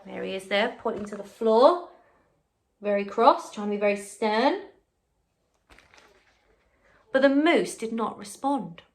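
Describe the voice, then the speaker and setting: Here a primary school teacher, medium-pitched and moving at a moderate pace, reads a picture book to her class. Her delivery is expressive and warm, with casual asides and questions directed at the kids.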